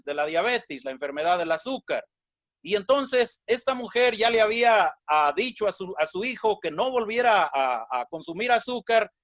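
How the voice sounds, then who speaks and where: High-voiced man preaching a sermon. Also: a bit bright, no room sound. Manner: earnest, repeatedly addresses "hermanos". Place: church.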